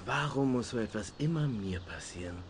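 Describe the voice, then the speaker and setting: Ein Sprecher, der im Videospiel einen spöttischen, selbstsüchtigen Barden spielt. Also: male voice, medium pitch, lively intonation, normal speed, slight background noise, close to an everyday voice. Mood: scornful. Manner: sarcastic, mocking. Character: sarcastic, greedy, self-centered male bard hero. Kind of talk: video game dialogue.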